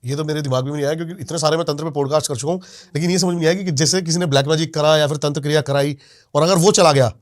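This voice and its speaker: A man's voice: a little high, steady tone, very fast. A man hosting a podcast, asking curious questions and giving short replies. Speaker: podcast host. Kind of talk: podcast conversation.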